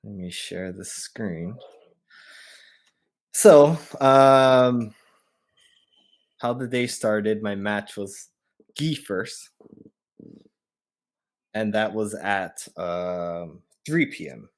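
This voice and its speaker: Very slowly and with long pauses, a lowish-voiced podcast host from Hawaii recounts a story in casual, slangy talk. He brings it to life by acting out what he was thinking at the time.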